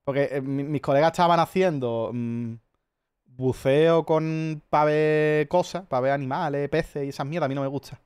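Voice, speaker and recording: A man's voice: a little high, steady tone, normal speed, a little mellow, smooth. A man with an accent from Spain, chatting casually as a streamer, telling rambling stories full of swearing. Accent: Spanish from Spain. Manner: profane, rambling storyteller. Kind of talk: casual chat.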